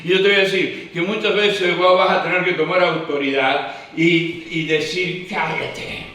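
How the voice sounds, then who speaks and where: Fervent high-voiced pastor preaching. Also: male voice, fairly even intonation, normal speed, bright, forceful tone. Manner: fervent, repetitive preaching cadence. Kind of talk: sermon. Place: church hall. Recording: echoey hall, distant mic.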